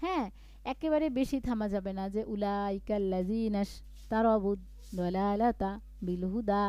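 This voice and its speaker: A woman teaching Quran reading in a live online class. She chants verses slowly and then explains quickly how to pause. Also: mid-range voice, mellow, clear, resonant tone, no room sound, highs cut off. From Bangladesh.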